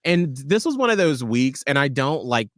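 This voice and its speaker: A man's voice: mid-range voice, very animated, normal speed, a bit bright, dry recording, clean studio sound. A man co-hosting a radio show, talking earnestly and reflectively in long, run-on thoughts. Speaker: radio co-host. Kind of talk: casual radio show chat.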